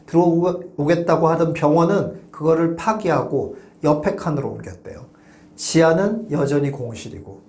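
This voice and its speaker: A man hosts a real estate channel and talks straight to his viewers. He speaks emphatically, with a lively pitch that climbs and drops, and keeps coming back to short, blunt refusals. The room is echoey, with a faint hum underneath. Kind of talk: advice monologue to viewers.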